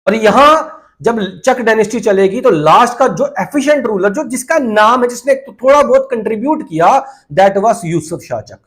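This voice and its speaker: High-voiced exam tutor lecturing. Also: male voice, animated, moderate pace, few pauses, fairly bright tone. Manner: addresses students as "kids", repeats key points, asks and answers his own questions. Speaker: exam coaching teacher. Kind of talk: classroom lecture.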